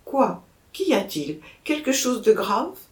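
An anxious, courteous husband pleads with the doctor in a storybook reading, voiced by a woman narrator. His words come slowly, with a lively, rising and falling pitch. The recording carries a roomy echo. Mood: alarmed. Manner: imploring, urgent. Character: anxious middle-aged husband, pleading and polite.

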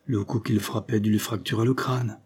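A man's voice: on the low side, fairly even intonation, normal speed. A man voicing a kindly older army major, hesitant and fatherly toward a young officer. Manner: hesitant, gruff warmth.

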